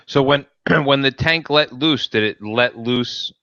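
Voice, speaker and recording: A man's voice: mid-range voice, slow pace, sharp tone, dry recording, lo-fi sound. A man co-hosting a podcast, talking casually through an incident as a responder.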